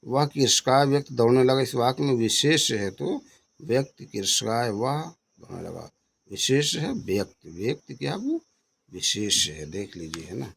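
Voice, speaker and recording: A man teaching as an exam coach, who reads out each question's options, names the answer, and repeats words slowly to drill their correct spelling. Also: mid-range voice, very animated, gravelly, slightly rough. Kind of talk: exam question review lesson.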